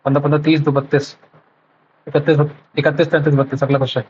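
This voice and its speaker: A man's voice: a little high, little pitch movement, fast, husky. A man tutoring for exams, thinking aloud as he solves math problems, muttering numbers and correcting himself while mixing in English terms. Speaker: exam prep tutor solving a live mock test. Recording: dull lo-fi sound.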